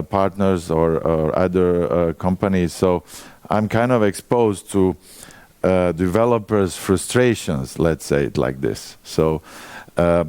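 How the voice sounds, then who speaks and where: A man in his forties with a Croatian accent gives a conference presentation. His voice is deep and mellow, recorded close and dry. He talks through his material and puts quick questions to the listeners. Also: no room sound. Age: 40s. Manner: engages the audience with quick questions. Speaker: conference speaker.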